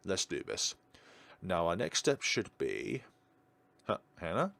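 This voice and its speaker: A creaky, low, slightly bright voice swoops wildly in pitch and moves slowly, recorded dry. The gaming host performs visual novel text in a let's play, dropping in casual asides while game music plays in the background.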